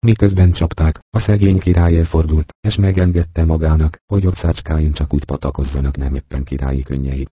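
A man narrating an audiobook in a steady, measured storytelling manner. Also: a bass voice, slightly rough, no echo. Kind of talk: scripted narration.

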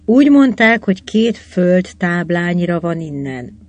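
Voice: mid-range voice, very animated, natural voice. A storybook reader voicing a boy captain who leads his crew, speaking in a slightly raised, commanding tone. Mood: planning. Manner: commanding, planning in hushed tones. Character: boy ship's captain, bossy leader.

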